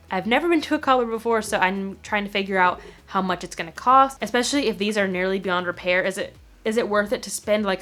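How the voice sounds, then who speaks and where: Her voice is medium-pitched and fairly bright as this vlogger in her twenties chats casually to the camera. The clip moves from her home to a parked car, captured on the camera's on-board mic at arm's length, and her talk is chatty, slightly self-conscious, and full of fillers.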